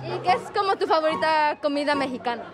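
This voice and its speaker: A teenage girl interviewing fellow students, chatty and quick to laugh. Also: high voice. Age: teens. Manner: chatty, laughing, halting mid-question. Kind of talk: casual street interviews. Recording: music and crowd behind.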